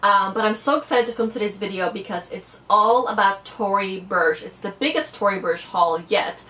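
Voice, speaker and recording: A young fashion and beauty vlogger, a native Farsi speaker, chats eagerly through a casual haul video, her mid-range voice bright and forceful at a moderate pace. She's enthusiastic and talkative, packing her speech with fillers. The room sounds echoey, with faint background noise.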